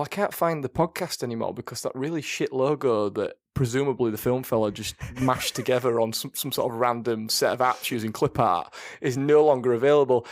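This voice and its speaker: A man's voice: medium pitch, dry recording, clean studio sound. A man in his late twenties hosting a casual podcast, chatting with many restarts and frequent laughs. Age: late 20s. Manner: self-deprecating, laughs often, trails off in restarts. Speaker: podcast host.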